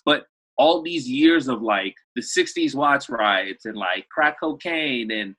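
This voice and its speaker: A man's voice: medium pitch, expressive, slow, pushed and bright, slightly rough, low-quality recording. A man in his thirties from Los Angeles, a guest telling stories in a casual interview. He rambles, leans on fillers and often restarts his sentences. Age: 30s.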